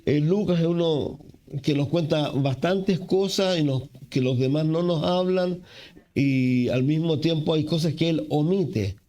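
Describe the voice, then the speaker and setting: A man from Chile preaching a sermon as pastor, unhurried, with fillers and self-corrections. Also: on the high side, mellow. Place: church.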